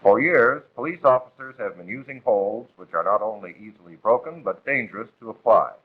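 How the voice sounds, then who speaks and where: A lowish, animated American male voice narrates a 1940s instructional film at a brisk pace. He reads from a script in a formal, authoritative, instructive manner, and the vintage soundtrack is muffled and phone-like.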